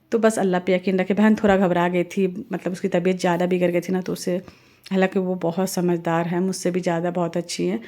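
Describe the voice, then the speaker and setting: A middle-aged woman from India talking casually as she cooks, rambling through family news and heartfelt advice. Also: on the low side. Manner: chatty, rambling, warm-hearted advice with religious phrases. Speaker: family vlogger and mother. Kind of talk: casual voice-over while cooking.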